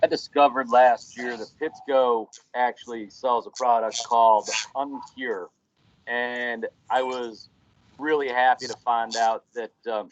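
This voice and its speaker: A man at a workshop, sharing teaching anecdotes in a relaxed chat with small repeats. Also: mid-range voice, dry recording, highs cut off. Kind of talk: casual chat.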